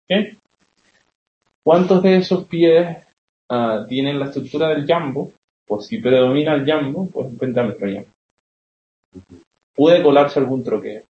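A man's voice: mid-range voice, measured pace, pauses often. A young man, teaching a poetry class and often checking that students follow. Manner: explanatory, keeps checking with questions. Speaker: literature teacher. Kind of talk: classroom lecture. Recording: roomy, dull classroom recording.

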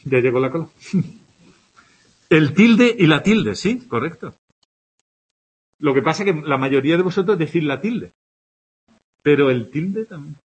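A man with a Spanish accent from Spain teaches a grammar lesson, listing examples and checking that his students follow. His voice is a little high and breathy, and his pitch rises and falls a lot as he explains. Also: animated, unhurried, long pauses.

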